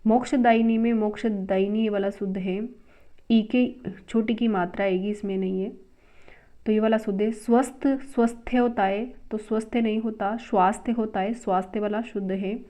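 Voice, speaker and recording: A woman teaching a spelling and grammar lesson at a brisk pace, drilling word after word and naming each new word louder and higher. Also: fairly even intonation. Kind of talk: exam-prep grammar lesson. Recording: dull lo-fi sound.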